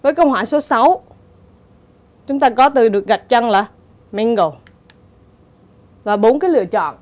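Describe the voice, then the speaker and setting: A woman's voice: a little high, animated, moderate pace, a little mellow. A woman teacher going through English exam answers step by step, in a methodical way. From Vietnam. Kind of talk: exam answer walkthrough lesson.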